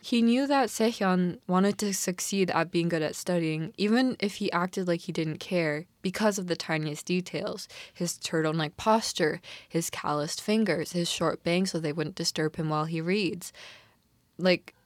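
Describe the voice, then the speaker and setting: A young Canadian woman with a lowish voice speaks a little slowly, recorded without echo. She co-hosts a casual podcast about a TV drama, chatting in an informal, slangy, emphatic way.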